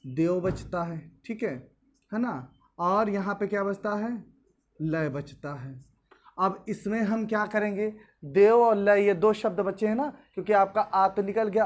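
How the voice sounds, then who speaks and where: A male teacher explaining grammar rules step by step, asking questions aloud and answering them himself. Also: high voice. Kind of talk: classroom grammar lesson.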